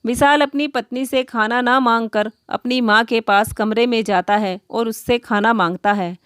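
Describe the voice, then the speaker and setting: A woman narrates a moral tale in a steady, even, read-aloud manner. Her voice sits fairly high. The recording is close and dry, with no audible room. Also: normal speed, clear, resonant tone, dry recording. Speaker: storyteller. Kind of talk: scripted storybook narration.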